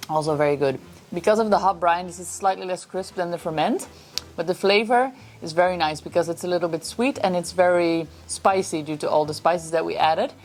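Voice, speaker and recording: A woman hosting a cooking video and walking through a recipe with steady step-by-step instructions. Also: on the low side, fairly quick, slight background noise. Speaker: cooking show host.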